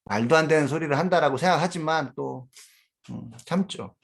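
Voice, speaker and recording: A middle-aged father of four speaking reflectively at a seminar, with thoughtful pauses. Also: a little high, vocal fry, breathy edge. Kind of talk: conversational seminar talk.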